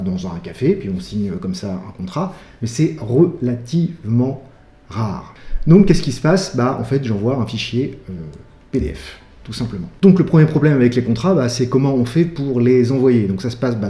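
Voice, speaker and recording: A French man with a mellow, darker tone explains his work casually, peppering his sentences with "bah" and "euh". He is a wedding photographer sharing tips, recorded in a room that sounds noticeably echoey. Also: medium pitch. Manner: chatty, full of fillers like "bah" and "euh". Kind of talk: casual tutorial talk.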